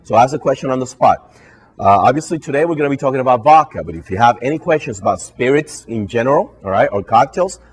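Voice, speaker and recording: A husky, mid-range male voice belongs to a Puerto Rican man whose first language is Spanish and whose accent shows it. Working as a brand ambassador and trainer, he leads a live bartender training before an audience in a hotel function room, closing nearly every phrase with "all right?".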